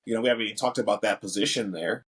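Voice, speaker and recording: A man's voice: fairly low pitch, racing, fairly bright tone. A young man co-hosting a casual sports podcast, talking in loose, slangy bursts full of fillers. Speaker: podcast co-host.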